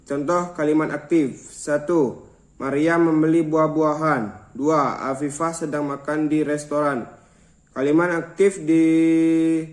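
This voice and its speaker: A young man reads a grammar lesson from his notes, counting off each point. His voice sits a little high. The room around him is bare and echoey. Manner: stumbles and restarts words. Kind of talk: reading a grammar lesson aloud.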